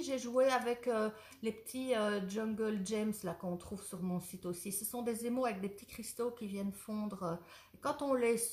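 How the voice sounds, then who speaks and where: A woman who owns a ceramics shop, chatting eagerly through a casual product demonstration and sometimes losing her thread. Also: medium pitch. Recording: roomy echo.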